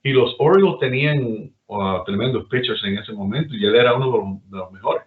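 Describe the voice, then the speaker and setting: A middle-aged Cuban man from Cuba, speaking with a Cuban accent, is a guest telling stories in a rambling, casual chat full of restarts. His mid-range voice moves briskly. The line sounds tinny, like a phone.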